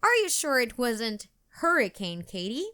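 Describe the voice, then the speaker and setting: A woman's voice: fairly high pitch, big pitch swings, unhurried, bright, forceful tone, clean tone, exaggerated voice. Woman doing a startled, wry storybook mom. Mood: exasperated. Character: startled, teasing mother.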